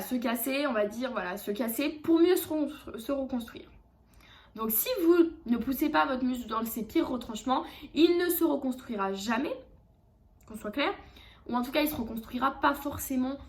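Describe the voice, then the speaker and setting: Chatty French woman with a high voice. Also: reverberant. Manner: chatty, many fillers and restarts. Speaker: fitness coach. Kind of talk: casual vlog advice.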